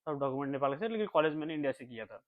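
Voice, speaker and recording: A man's voice: a little high, animated, racing. A young man from Nepal telling a long, rambling story in a casual vlog, repeating himself and dropping his voice when he quotes others. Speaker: vlogger. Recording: tinny phone-like sound.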